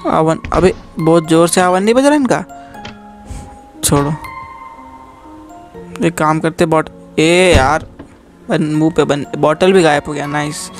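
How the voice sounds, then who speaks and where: A young man gives casual, joking commentary while playing a horror game, teasing the game and talking straight to his viewers. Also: fairly high pitch. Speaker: gaming youtuber.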